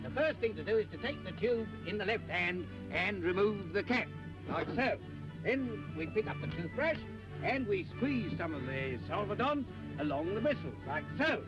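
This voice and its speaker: An actor playing a brash street huckster who delivers pompous, mock-learned lecturing patter in an old film. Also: male voice, sits high, expressive, moderate pace, music in the background, poor audio. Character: brash fast-patter street huckster selling toothpaste and hair tonic. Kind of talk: old film acting, street sales pitch.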